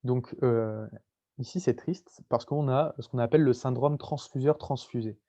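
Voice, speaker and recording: A man's voice: mid-range voice, moderate pace, mellow, highs cut off. A young man tutoring students online, explaining with jokes, playful mnemonics and chatty asides to the viewers. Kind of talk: casual lecture with mnemonics.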